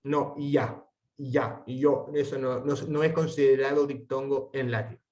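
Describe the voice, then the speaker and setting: Slow, careful man teaching Latin. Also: mid-range voice, steady tone, a little mellow. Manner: slow, careful spelling out of syllables and sounds; reads the Latin text aloud deliberately. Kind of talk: recorded online lesson.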